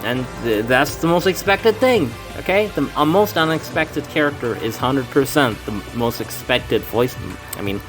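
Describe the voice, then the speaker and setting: With music playing in the background, a man voices the characters of a fan game as a let's play fan dubber, adding casual asides and the odd stumble. He speaks at a normal speed with few pauses, his medium-pitched voice lively in intonation.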